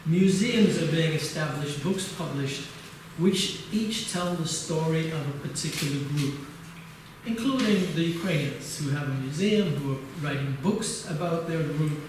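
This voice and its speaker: An older man from England giving an academic conference lecture, hesitant, with many uhs and restarts. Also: fairly high pitch. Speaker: keynote lecturer. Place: conference hall. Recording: distant mic, echoey hall, noise.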